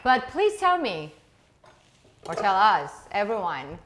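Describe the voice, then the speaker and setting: A woman's voice: mid-range voice, wildly swooping pitch, slow, a bit bright, slight background noise. A woman hosting a casual cooking chat in a home kitchen, enthusiastic and full of eager questions. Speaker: host.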